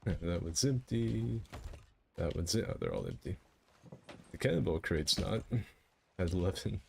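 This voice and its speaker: A man's voice: low-pitched, wildly swooping pitch, moderate pace, creaky, a little mellow, slight background noise. A man in casual gaming chat over a call, talking in a light put-on pirate voice with crude, profane, mock-patriotic banter. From United States. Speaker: gaming co-host. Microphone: computer mic on an online call.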